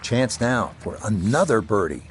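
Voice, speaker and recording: A man playing a TV golf commentator, giving measured, descriptive play-by-play calls of each shot in a video game broadcast. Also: fairly low pitch, expressive, noisy background. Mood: composed, approving. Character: male TV golf play-by-play announcer.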